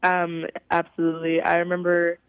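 A young woman from California, a college softball player, giving halting, thoughtful interview answers over a phone call. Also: lowish voice, completely flat delivery, smooth, no room sound. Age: young adult. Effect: heard over a phone call. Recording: tinny, dry phone line.

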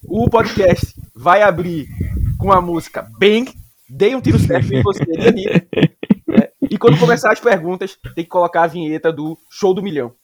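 Slangy Brazilian man, fairly high-pitched, bantering. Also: expressive, rough recording. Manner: slangy, joking, halting with frequent repeats. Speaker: podcast co-host. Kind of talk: casual sports podcast banter.

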